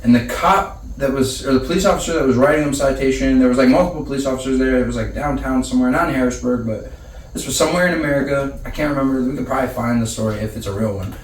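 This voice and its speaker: A man's voice: medium pitch, racing, slight background noise. A young man in casual podcast chat, joking and swearing freely as he jumps in. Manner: joking, profane, interjecting. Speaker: podcast co-host. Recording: echoey room, distant mic, faint ambience.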